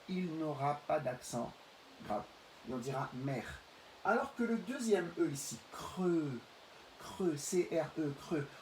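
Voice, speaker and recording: A middle-aged male teacher giving a reading lesson to young pupils, speaking slowly and carefully and stretching out the example words. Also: fairly high pitch, a little mellow. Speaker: primary school teacher. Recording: roomy, distant mic, faint hiss.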